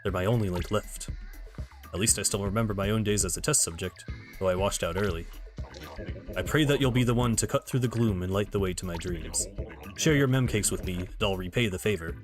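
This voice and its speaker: A man voicing a courteous, wistful old male sea creature who drifts in the depths, speaking in a lower, measured, old-fashioned way. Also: over music, natural voice. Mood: courtly, wistful.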